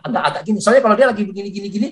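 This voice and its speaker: Guy rattling off network marketing sales tips, quick and animated, keeps saying sir to the audience. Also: high voice. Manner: animated, addresses listeners as "Pak" constantly; acts out sales dialogues. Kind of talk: motivational sales coaching talk.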